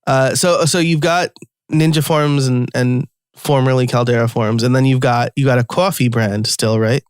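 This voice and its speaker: A man's voice: mid-range voice, fairly even intonation, moderate pace, smooth, no room sound, studio quality. A man from New York hosting a podcast, chatting casually with many fillers and easy laughter. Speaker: podcast host. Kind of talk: casual interview chat.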